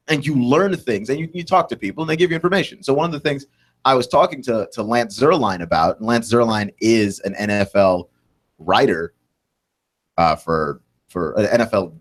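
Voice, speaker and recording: A young man in his twenties talks through football topics on a radio show. He rambles and restarts often, tagging his points with quick asides as he works out his opinions live. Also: mid-range voice. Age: 20s. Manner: rambling, thinks aloud with many restarts and "like, right?" tags. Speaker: sports radio host. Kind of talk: solo sports talk radio monologue.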